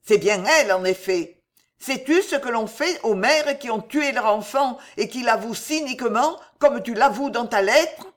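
A woman's voice: a little high, expressive, normal speed, pitched above the performer's own voice, natural voice. A woman voicing a cold, cruel queen who taunts and threatens in an icy, mocking tone.

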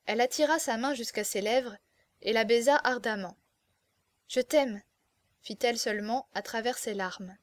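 A woman reading a classic novel aloud as audiobook narrator, measured and expressive. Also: fairly high pitch, no echo.

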